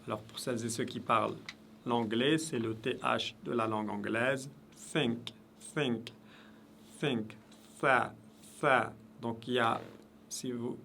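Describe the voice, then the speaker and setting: Patiently repeating every sound, a man works through Arabic letter pronunciation drills in a lesson. His medium-pitched voice is gravelly and a bit bright, with faint noise behind it.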